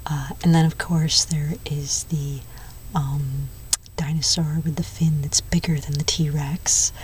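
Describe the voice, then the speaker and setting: A whispered role-play of a nerdy, enthusiastic movie-store clerk , played by a woman. The voice is low and soft, rambling along without hurry. It sits a little away from the microphone, over faint background noise. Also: flat delivery, slow pace, distant mic. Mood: nerdy, fascinated. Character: chatty, nerdy movie-store clerk recommending sci-fi films.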